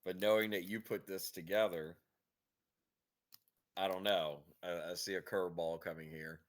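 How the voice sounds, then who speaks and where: A man's voice: sits low, fairly even intonation, normal speed. A man co-hosting a podcast, sharing opinions in a rambling, casual way. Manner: rambling, many fillers and restarts. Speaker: podcast co-host. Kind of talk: casual chat.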